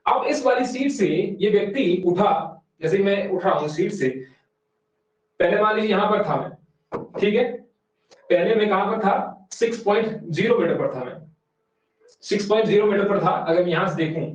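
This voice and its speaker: A man teaching an online exam-prep class, explaining step by step, often quizzing students, and reading English definitions out very slowly. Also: sits high. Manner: explains step by step, keeps asking students questions. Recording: very echoey room, voice from far off, dull sound.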